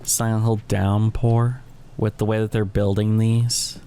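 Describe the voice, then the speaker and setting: A man's voice: fairly low pitch, level tone, unhurried, dark tone, a little hiss or hum. A man hosting a gaming channel, giving casual let's-play commentary and thinking aloud, often stopping to correct himself.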